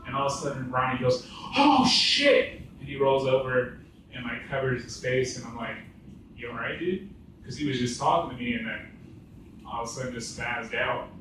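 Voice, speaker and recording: A male stand-up comedian at an open mic rambles through a story, leaning on "like" and "uh" at every turn. His mid-pitched voice is picked up from well back in a very echoey room. Faint ambience sits behind him. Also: fairly even intonation, fairly quick, fairly bright tone, far from the mic, slight background noise. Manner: rambling, filler-heavy storytelling with many "like"s. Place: echoing open mic venue.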